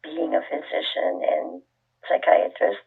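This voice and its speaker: An older woman from Austria, talking slowly and thoughtfully as an interview guest, softly and breathily at times. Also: sits low, animated, vocal fry, breathy edge. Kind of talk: conversational interview. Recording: tinny phone line.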